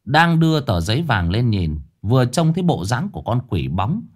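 A man narrating a horror story in a lively storytelling way. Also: mid-range voice, moderate pace.

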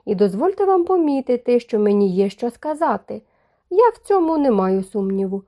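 Woman reading a stern, brisk housekeeper. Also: a little high, big pitch swings, mellow.

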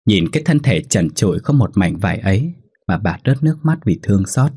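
A man narrating a ghost story in a slow, somber storytelling manner. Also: on the low side, very animated, dark tone, husky.

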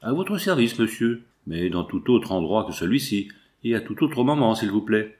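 A man's voice: fairly low pitch, sing-song, moderate pace, darkish tone. A man doing Duverger, a curt armed hothead. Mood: impatient. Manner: curt, exasperated replies. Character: irritable man with a gun, impatient.

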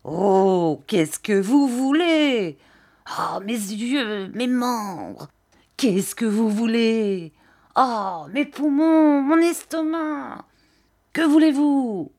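A woman's voice: fairly high pitch, lively intonation, drawn-out words, darkish tone, pitched above the performer's own voice, full character voice. A woman voicing a ferocious, drunken old male rag dealer who wails his words in a shrieking sing-song.

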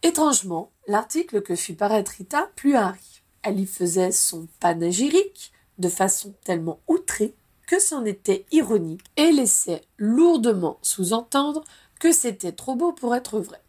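A woman reading a novel aloud in calm, even audiobook narration. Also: mid-range voice, moderate pace, slightly rough. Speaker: reader of fan fiction.

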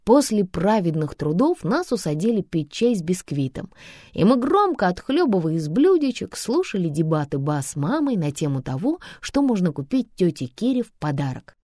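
A woman reads a story aloud with lively, expressive storytelling. Her voice sits a little low yet moves a lot in pitch. The recording is close and dry. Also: moderate pace, no room sound. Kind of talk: audiobook narration.

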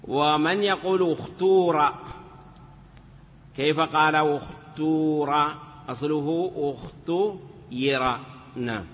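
Taking it slowly with long pauses, a male teacher drills Arabic morphology in a classroom lecture, chanting word forms sing-song style and often saying "yes" between steps. His voice is a little high with a fairly bright tone, and the dull lo-fi recording has long reverb.

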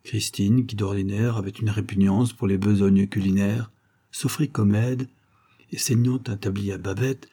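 A man calmly narrating a novel as an audiobook reader, measured and even. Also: lowish voice, slightly rough.

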